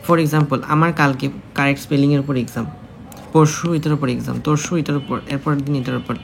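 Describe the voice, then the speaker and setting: A man's voice: mid-range voice, steady tone, quick pace, gravelly, slight background noise. A man teaching an exam-prep lesson in a chatty way, speaking straight to the student and repeating key points. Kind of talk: casual spoken lesson.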